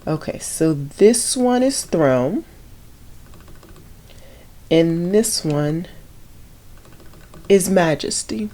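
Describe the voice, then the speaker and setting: Beauty vlogger, young woman, congested and nasal, low warm tone, loose chatty delivery. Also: extremely slow, pauses often, a little hiss or hum. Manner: relaxed, rambling, with fillers. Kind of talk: casual swatching video.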